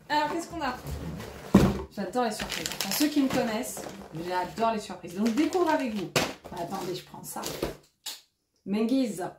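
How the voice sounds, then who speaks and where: A woman's voice: medium pitch, reverberant, background noise. A woman with a French accent, a dietitian chatting casually as she unboxes food and reads out ingredients. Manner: chatty, lots of fillers, reads out ingredient lists. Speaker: dietitian-nutritionist.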